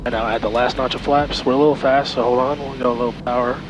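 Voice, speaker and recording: A man working as a flight instructor, giving calm, reassuring step-by-step instructions over a cockpit headset intercom, often repeating short commands. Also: medium pitch, fast talker, background noise. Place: small plane cockpit in flight. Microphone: aviation headset intercom.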